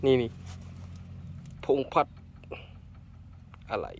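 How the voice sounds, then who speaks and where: A man chatting casually outdoors by a road, teasing and bantering as he talks. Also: very slow. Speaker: vlogger. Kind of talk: casual chat on a work site.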